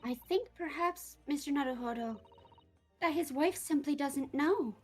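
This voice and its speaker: A woman's voice: high-pitched, measured pace, soft background music. A woman voicing a polite, thoughtful young female assistant who speaks formally.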